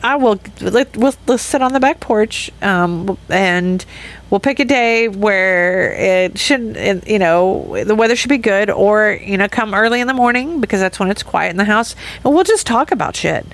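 A woman's voice: medium pitch, animated, moderate pace. A woman in her fifties hosting her own podcast in a loose, candid solo chat that rambles with frequent laughs and restarts. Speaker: podcast host.

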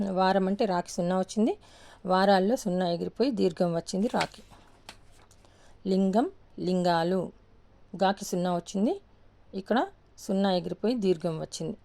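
Female teacher, mellow and lowish voice, patient drill of word pairs. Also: gravelly. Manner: patient, repeats each word pair, asks and answers her own questions. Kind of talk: slow step-by-step grammar lesson.

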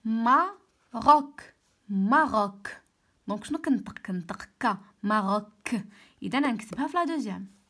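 A woman with a Moroccan Arabic accent giving an online French lesson. She repeats each word slowly and patiently explains how it sounds. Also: mid-range voice, lively intonation, fairly bright tone. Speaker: French teacher.

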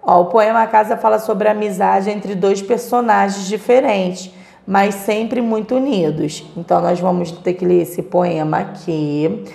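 A woman's voice: medium pitch, fairly even intonation, unhurried, gravelly, warm tone. A woman teacher with a Brazilian Portuguese accent, patiently spelling out syllables for young pupils in a recorded lesson. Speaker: primary school teacher. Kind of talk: recorded remote class lesson. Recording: echoey room.

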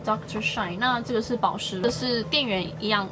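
A woman's voice: a little high, moderate pace, over music. A young woman, chatting casually and cheerfully as she shows the things she bought. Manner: chatty and upbeat, often stresses words by doubling them. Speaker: beauty and shopping vlogger. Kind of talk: casual haul vlog chat.

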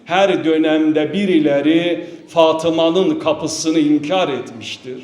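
A man's voice: fairly high pitch, slow, a little mellow. A man delivering a mourning sermon in a mosque, emotional and declaiming, at times chanting. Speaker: preacher. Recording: echoey mosque hall.

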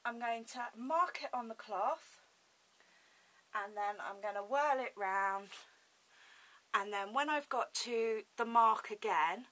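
A woman's voice: a little high, slow pace, pauses often, a bit bright, low-quality recording. A woman hosting a casual hands-on sewing tutorial, thinking aloud as she works, with toothless articulation, lips over her teeth. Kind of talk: casual hands-on craft demonstration. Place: indoors at a home sewing table. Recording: hissy home recording.

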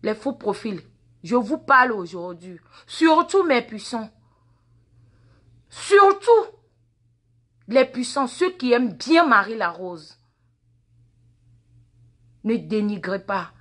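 A Mina woman in her forties, a social media personality, goes live on a phone held at arm's length in a big indoor waiting room, lecturing her followers with passion and repeating words and questions. Her voice sits a little high and is very animated and fairly bright, moving at a slow pace with frequent pauses. She speaks with a Mina accent.

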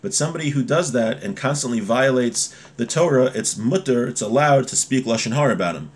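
A religious teacher around forty, somewhere in his 30s to 40s, gives an informal, conversational lesson, reading Hebrew phrases and explaining them through everyday examples. His medium-pitched voice is animated and fairly quick. He records at a desk in a small home room indoors, using a webcam or device mic at desk distance.

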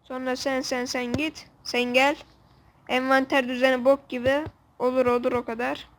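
A woman commentating a video game with a friend, excitable and joking, swearing playfully. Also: high voice, normal speed. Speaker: gamer host. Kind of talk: casual gameplay commentary.

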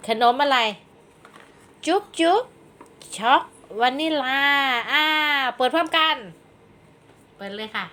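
Bright-voiced woman playfully chatting with kids. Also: high voice, expressive, slow pace, pauses often. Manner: playful, exclaims and sing-songs little fanfares. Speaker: host guiding children through a candy tasting. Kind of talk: casual chat with young children, prompting and questioning. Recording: clear background noise.

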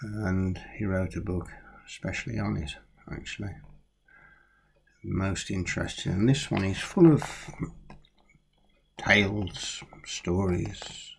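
Older man, slow and deep-voiced. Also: vocal fry, slight background noise. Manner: leisurely, reads aloud with storyteller relish. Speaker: vlogger reviewing a book. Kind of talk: casual talk and reading aloud. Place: small room at home, indoors. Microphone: webcam close up.

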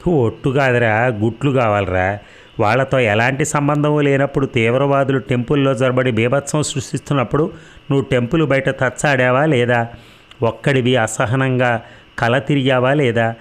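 A man's voice: mid-range voice, steady tone, moderate pace, natural voice. Man doing a sneering, threatening police interrogator. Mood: taunting. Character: harsh, abusive male police interrogator.

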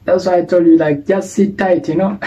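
A man's voice: sits high, fairly even intonation, moderate pace, mellow, highs cut off. Young man laughing through a reaction. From Uganda. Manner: laughing, slangy, repeats "you know" and "bro". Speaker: reaction video host. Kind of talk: casual reaction commentary. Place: small indoor studio room.

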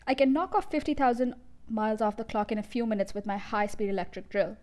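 A woman reading a storybook aloud, voicing a boastful, crooked car-dealer father who talks loudly and emphatically. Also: on the high side, quick pace, close to an everyday voice. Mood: bragging. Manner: loud, bragging, emphatic.

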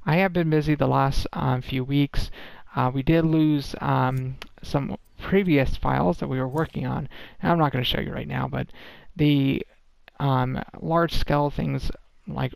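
A man's voice: medium pitch, fairly even intonation, measured pace, gravelly, no echo. A tired man giving a casual, rambling game development update, full of ums and restarts. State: tired, worn-out voice.

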